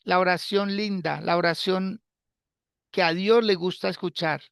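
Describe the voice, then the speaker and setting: A male pastor preaching a sermon in a slow, deliberate way. He repeats his phrases and puts rhetorical questions to the congregation. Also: high-pitched, steady tone, creaky, a bit bright, clear, resonant tone, no echo, studio quality.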